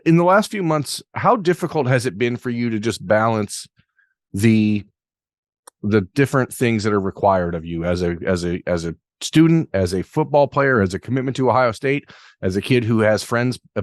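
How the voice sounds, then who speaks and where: A man hosting an interview podcast asks long, rambling questions sprinkled with self-deprecating asides. His medium-pitched voice is recorded dry, with studio quality.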